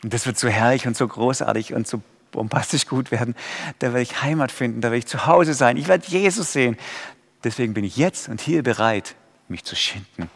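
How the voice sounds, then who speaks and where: Man preaching, mid-pitched voice, quiet to loud cries, long hall reverb. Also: fairly quick, gravelly. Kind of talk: sermon.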